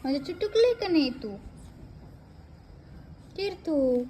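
A woman's voice: very high voice, sing-song, takes it slowly, mellow, slight background noise. A mother cooing baby talk to her two little daughters, repeating each question in a sing-song way. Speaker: mother talking to her babies.

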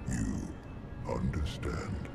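A man voicing an ancient, all-consuming evil entity in a video game, speaking in a calm, menacing, slow intoning way with a deep gravelly rumble. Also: full character voice. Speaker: game villain. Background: loud game music.

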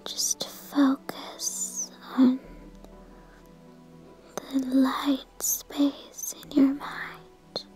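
Very slow whispering woman, whispered role-play. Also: sits high, completely flat delivery, soft background music. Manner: soothing, unhurried, gently guiding. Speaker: spa therapist in an ASMR role-play.

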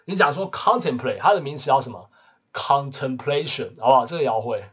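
A man teaching English vocabulary in a casual lesson, constantly adding quick tag questions. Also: mid-range voice, lively intonation, fairly bright tone, slightly rough. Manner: peppers talk with tag questions. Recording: muffled lo-fi recording.

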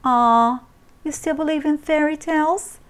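A woman reading aloud and voicing a fierce mother who speaks urgently and defiantly to protect her child, at a slow pace. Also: medium pitch, close to an everyday voice.

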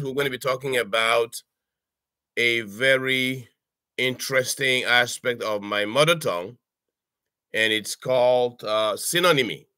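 An older man from Cameroon, a language tutor, teaches a casual online lesson in a bright, forceful, mid-range voice. He speaks haltingly, full of "uh"s and restarts, checking in with "okay?" after each point. His webcam on the video call picks up dry, close sound in his home study.

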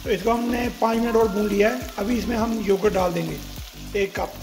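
A man's voice: sits high, fairly even intonation, a little fast, over music. A man narrating a home cooking tutorial as channel host, explaining each step in a friendly way and using religious greetings.

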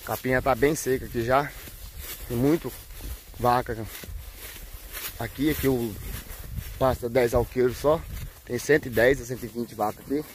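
A man vlogging on a cattle farm, talking casually to viewers and breaking off to yell loud herding calls at the cows. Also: mid-range voice, steady tone, moderate pace, long pauses, slight background noise. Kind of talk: casual farm vlog narration. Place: outdoors on a cattle farm, by the corrals.

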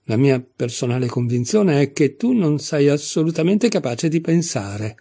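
A man's voice: medium pitch, animated, moderate pace, dark tone, breathy edge. A man reading aloud, voicing a severe, condescending rose flower in a storybook, stern and critical.

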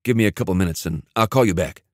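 A male narrator voicing a cool, menacing male ex-soldier who speaks slowly and evenly. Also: dry recording, clean studio sound, lightly acted. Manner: low, slow, calm, menacing.

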